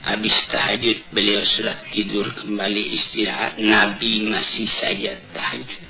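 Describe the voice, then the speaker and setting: Gravelly male preacher on old cassette tape. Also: lowish voice, poor audio. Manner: deliberate, emphatic preaching with rhetorical questions. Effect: old cassette tape recording. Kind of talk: sermon. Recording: cassette tape recording with music behind.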